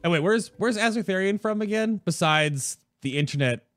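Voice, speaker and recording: With a high-pitched, fairly bright voice, this podcast and stream host talks animatedly at a normal speed on his casual gaming show. His delivery is chatty, full of jokey tangents and self-interruptions, and music plays in the background.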